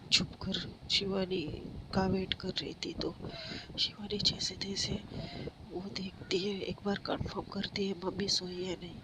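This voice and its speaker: Hoarse narrator telling a story flatly. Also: medium pitch, noisy background. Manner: flat, unhurried retelling with fillers and self-corrections. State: slightly hoarse throat. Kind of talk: casual spoken story narration.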